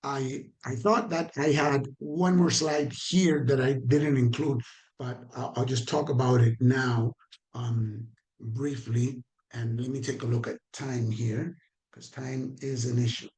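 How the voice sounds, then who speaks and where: In this online training talk, a man with a Caribbean Spanish accent teaches over a video call, his pitch average for a man. The tone is darkish, the intonation fairly even, and the pace unhurried; he chats loosely, poses questions to the audience, and repeats key ideas for emphasis.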